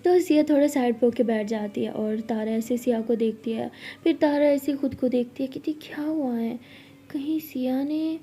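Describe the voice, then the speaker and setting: A young woman telling a love story in a soft, often whispered narration. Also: a little high, normal speed, few pauses, slight background noise. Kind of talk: intimate spoken storytelling.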